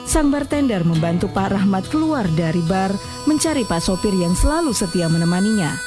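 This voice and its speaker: A woman narrating a scripted radio drama in a measured, literary storytelling manner. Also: mid-range voice, big pitch swings, over music, close to an everyday voice.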